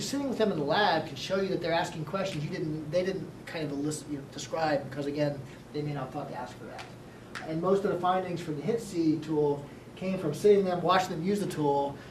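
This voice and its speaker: A man lecturing a university class, talking quickly and excitedly and often checking in with "right?". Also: on the high side, far from the mic. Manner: fast-talking, excitable, many "right?" tags. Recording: echoey classroom recorded from afar, noisy.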